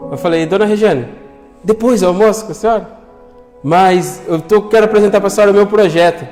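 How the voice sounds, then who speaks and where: A young man preaches in a church hall, his voice ringing with long reverb. He tells a story in an earnest way and acts out the voices of the people in it. Soft music plays underneath. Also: sits high, fairly quick. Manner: storytelling, acting out quoted voices, earnest appeals. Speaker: pastor. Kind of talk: sermon with personal story.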